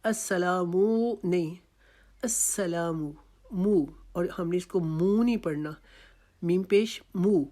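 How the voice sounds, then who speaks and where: A woman teacher with a Pakistani Urdu accent gives a tajweed lesson in a fairly low voice. She breaks each word into slow syllables and repeats them with patient care, then explains the pronunciation rules plainly. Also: mellow. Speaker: Quran recitation teacher.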